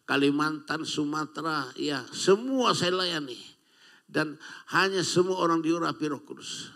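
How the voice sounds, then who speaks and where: A man's voice: on the high side, measured pace, a bit bright. An older Indonesian man preaching a sermon, with calls and frequent amens to the congregation. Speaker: pastor.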